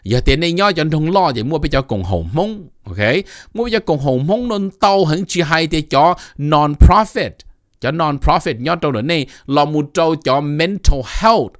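A middle-aged man hosting a casual informational talk, animated and mixing in English terms. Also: a little high, normal speed, no room sound, studio quality. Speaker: host giving advice.

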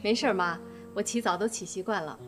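Actress as a brisk dutiful young woman. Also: mid-range voice, lightly acted. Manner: polite and brisk. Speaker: working daughter in a family drama. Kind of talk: TV drama acting. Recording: drama scene with loud music.

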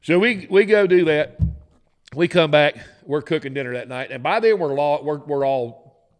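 A former game warden from Florida, guesting on a podcast in a garage studio, tells folksy, profane stories and laughs his way through them. His voice is fairly high and animated, at normal speed. He uses a boom-arm studio mic and headphones.

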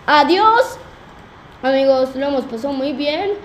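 A woman's voice: high-pitched, expressive, measured pace, roomy sound, slight background noise. A woman with a Spain Spanish accent giving playful, joking let's-play commentary, laughing often. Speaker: gaming video host.

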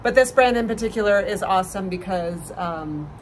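A woman talks casually to camera in a lifestyle vlog, upbeat and chatty and dropping "like" here and there. Her voice sits in an ordinary middle pitch. A faint hum of outdoor ambience lies under her talk. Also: animated, normal speed, low-quality recording. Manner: chatty, upbeat, frequent "like" fillers. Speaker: lifestyle vlogger. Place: home kitchen and outdoor porch.

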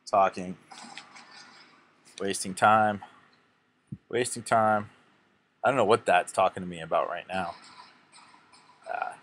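A man's voice: on the low side, slight background noise. A young man casually narrating his own workout, giving instructive tips with a self-mocking streak.

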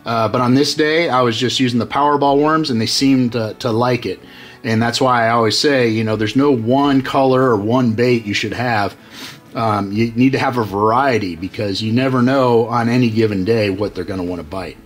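Speaking at a normal pace in a mid-range voice, a middle-aged man runs a fishing channel and casually shows how he rigs baits. He's relaxed, restarting often and using lots of fillers, in a workshop lined with tackle.

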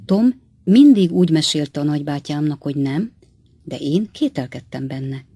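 A woman narrating an audiobook as a calm storyteller who addresses her listeners directly. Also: low-pitched, husky, dry recording.

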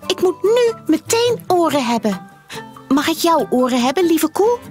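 A squeaky naive little goose. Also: female voice, very animated, unhurried, faint music behind, exaggerated voice. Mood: pleading. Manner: squeaky, wide-eyed and pleading. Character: naive little female goose, eager and sweet.

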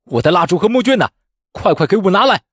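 A man doing a poor, desperate young scholar in a storytelling performance, voice pushed up high into strained, indignant outcries. It sounds husky and dry, set close to the mic. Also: very animated, fast, no room sound, exaggerated voice. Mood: overwrought.

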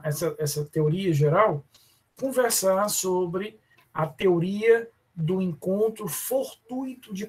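Husky Brazilian man giving a law lecture. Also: high voice, darkish tone. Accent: Brazilian Portuguese. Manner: addresses students by name, many fillers and restarts; slows down to stress terms. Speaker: law professor. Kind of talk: live online law lecture.

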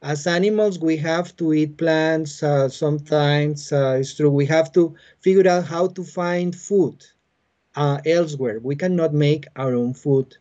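Speaking from a bookshelf-lined room at home, a man in his forties from Costa Rica explains things in interview answers over a video call picked up by his laptop webcam, so the sound is muffled. He's a biologist who teaches at a university; his English carries a Spanish accent, and his somewhat high, gentle, warm voice moves patiently and haltingly with frequent "uh" fillers.

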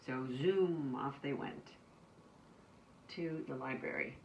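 A nursery school teacher with a very deep voice reads a picture book aloud to children, pausing now and then to chat casually about the pictures. The recording sounds muffled, with a distant mic and faint background noise.

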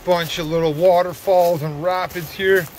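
A man's voice: sits high, steady tone, normal speed, noisy background. A man vlogging on a canoe trip, talking casually with fillers while tired, recorded outdoors on a handheld camera. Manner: easygoing, rambling, with fillers and laughs. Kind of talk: casual outdoor vlog narration. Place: outdoors on a wilderness lake and river trip.

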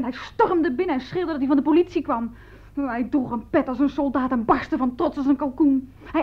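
A fiery, devoted young orphaned servant girl, played by a woman in a radio play, with a high, ringing voice. She tells her story in an excited rush, stammering and tripping over her words. The sound is dull and muffled, like an old broadcast recording. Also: natural voice. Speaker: household servant. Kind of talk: 1950s-style radio drama acting.

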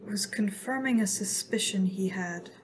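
A woman's voice: mid-range voice, a little slow, breathy edge. A woman playing a tabletop game, describing her character in hesitant, trailing phrases. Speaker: player. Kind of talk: casual tabletop role-play.

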